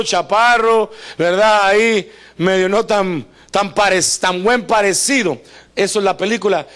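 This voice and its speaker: High-voiced pastor, animated. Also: male voice. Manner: animated and joking, acts out voices; asks the congregation questions often. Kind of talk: live Spanish sermon. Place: church service before a congregation.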